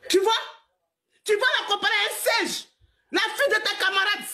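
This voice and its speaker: A woman's voice: very high-pitched, steady tone, normal speed, gravelly, bright, forceful tone. A woman in her forties on a live stream, scolding someone at length with frequent laughter and lots of repetition. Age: 40s. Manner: scolding, laughing often, repeats herself. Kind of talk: heated live-stream rant.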